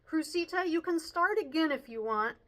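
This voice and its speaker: A woman voicing a tall, kind male Spanish teacher who speaks gently and encouragingly. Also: very high-pitched, lively intonation, normal speed, pitched above the performer's own voice. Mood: gentle.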